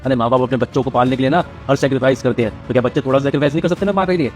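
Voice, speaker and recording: A man's voice: medium pitch, very fast, soft background music, natural voice. A man playing a tired son caught between his mother and his wife, exasperated and pleading. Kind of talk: Hindi family drama acting.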